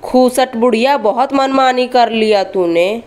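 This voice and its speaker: A taunting witch daughter-in-law, as a woman acts her out for a doll story. The voice is smooth and clear, a little high, and each threat comes out cold and cruel. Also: measured pace, a little mellow, natural voice. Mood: menacing.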